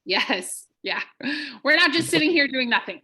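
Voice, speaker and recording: A woman's voice: high-pitched, very animated, normal speed, pushed and bright, low-quality recording. A woman leading a live online sales training, energetically drilling scripted phrases with her group.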